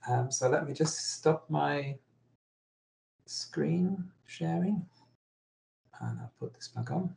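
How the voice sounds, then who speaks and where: A man's voice: on the high side, slow pace, vocal fry, pauses often, mellow, reverberant. A man giving an online presentation, his voice sounding strangely metallic over the call, hesitant with many ums and restarts. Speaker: webinar presenter. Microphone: video call.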